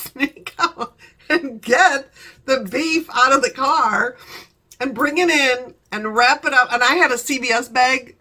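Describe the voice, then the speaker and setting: Woman vlogger, slightly high and bright voice, chatty storyteller who laughs easily. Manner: chatty, laughs often, acts out quoted voices. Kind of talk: casual storytelling chat.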